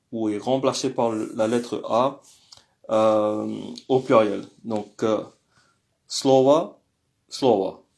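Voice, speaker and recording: A man teaching a language lesson in a hesitant way, with many fillers and slow, careful pronunciation drills. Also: medium pitch, vocal fry, a little mellow.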